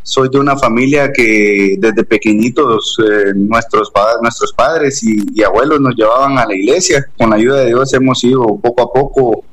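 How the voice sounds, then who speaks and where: A young man from Guatemala with a Guatemalan Spanish accent, telling his personal story earnestly and haltingly, with frequent restarts. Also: medium pitch, a bit bright, low-quality recording. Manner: earnest, hesitant, many restarts and fillers like "pues". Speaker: interview guest. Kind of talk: personal testimony.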